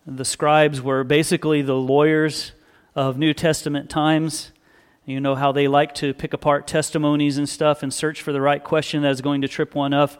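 A man preaching a sermon, reading scripture aloud and explaining it in a measured, emphatic way that slows down on key words. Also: fairly high pitch, smooth. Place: church.

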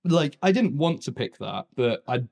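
A man's voice: mid-range voice, big pitch swings, normal speed, vocal fry, a little mellow, slightly rough. A man co-hosting a podcast, rambling in an easygoing, giggly way. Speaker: podcast co-host. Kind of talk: casual chat.

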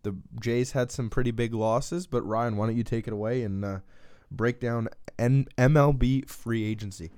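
A man's voice: mid-range voice, fairly even intonation, normal speed, darkish tone, clean tone, dry recording, studio quality. A young man hosting a casual sports podcast, laid-back, laughing often and passing topics to his co-hosts. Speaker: podcast host.

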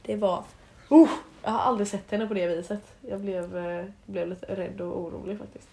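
A woman's voice: mid-range voice, steady tone, creaky, mellow. A woman co-hosting a podcast in casual chat, announcing segments in a dry, teasing way. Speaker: podcast co-host.

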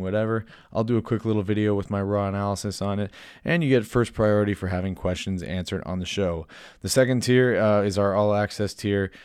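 Deep-voiced young Canadian man podcasting. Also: darkish tone, smooth, no echo, studio quality. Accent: Canadian English. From Ontario, Canada. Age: 20s. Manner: chatty, informal, playfully self-deprecating. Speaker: sports podcast host. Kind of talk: casual solo hockey podcast commentary. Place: basement den at home.

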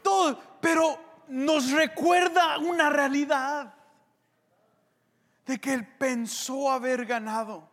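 High-voiced preacher, slow and echoey. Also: male voice. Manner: animated storytelling with vocal sound effects. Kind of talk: sermon.

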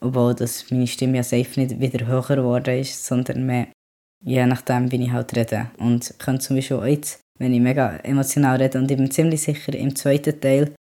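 A young man hosting a podcast, talking calmly and quietly in casual chat. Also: medium pitch, moderate pace. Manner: calm, quiet talker, rises when emotional. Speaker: podcast host.

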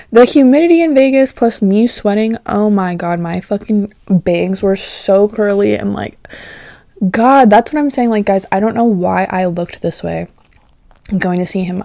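A woman's voice: medium pitch, darkish tone, dry recording, clean studio sound. A young woman host telling a story in a casual, chatty way, saying "like" constantly, swearing freely and laughing often. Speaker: podcast host.

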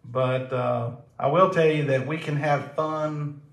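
A man's voice: on the high side, fairly even intonation, takes it slowly, gravelly. Folksy Southern man in an echoey room. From South Carolina. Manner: folksy, tells jokes, laughs often. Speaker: co-host. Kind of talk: casual faith talk show.

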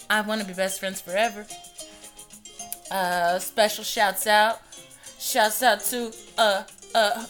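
This young woman, a podcast host, talks in a medium-pitched, slightly bright voice. Her solo episode is casual and loose, peppered with profanity and frequent laughter.

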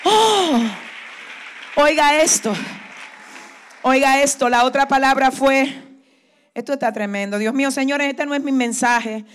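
A high-pitched woman pastor delivering a fervent sermon. She moves from shouted exhortations down to quiet, intimate lines and back again. She keeps calling on the congregation to repeat her words and to turn to their neighbors. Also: measured pace, pauses often, a faint crowd, slight background noise. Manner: fervent preaching, swings from shouting to hushed tones; leads the congregation with call-and-response commands.

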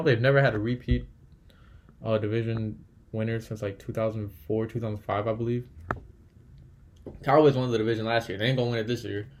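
A man's voice: on the low side, noisy background. A man hosting a casual solo sports podcast, bluntly trash-talking teams and thinking aloud as he tallies win-loss records. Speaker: podcast host.

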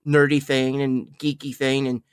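A podcast host from the Altoona, Pennsylvania area, chatting casually in an animated, rambling way and stumbling over words. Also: medium pitch, a little slow, clean tone, no echo, clean studio sound. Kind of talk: casual review chat.

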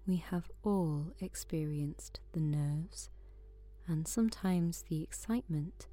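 A woman leads a calming sleep meditation, her voice soft and slow. She often sinks into a whisper, and her tone stays low, dark and mellow, with faint music playing behind her. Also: no echo. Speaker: meditation guide.

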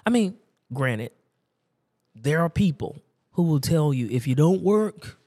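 A man's voice: on the high side, expressive, a little slow, darkish tone, dry recording, studio quality. A man preaching a sermon, telling a personal story in a conversational, emphatic and repetitive way.

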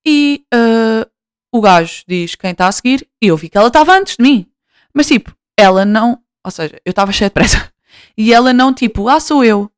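A woman's voice: fairly high pitch, expressive, fairly quick, smooth, dry recording, clean studio sound. A young woman with a European Portuguese accent, hosting a casual podcast monologue. She talks in a chatty, self-mocking way and acts out other people's voices. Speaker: podcast host.

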